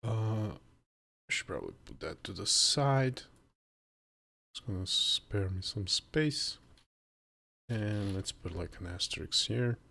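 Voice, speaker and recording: This Croatian man, late thirties, is at his desk in an indoor room, livestreaming his game development learning and chatting casually, a little hesitantly, while he works. His voice is on the low side, creaky and sharp in tone, very animated yet slow, with frequent pauses. A close desk microphone on an arm captures him.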